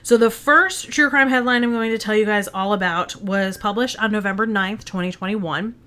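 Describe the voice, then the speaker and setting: A woman's voice: mid-range voice, normal speed, fairly bright tone. Chatty woman podcast co-host. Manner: chatty, giggly, lots of fillers. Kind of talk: casual chat.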